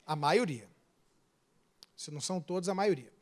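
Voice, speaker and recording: A man with a Brazilian accent, a pastor preaching a sermon with animated delivery, swelling loud then dropping into quick asides. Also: a little high.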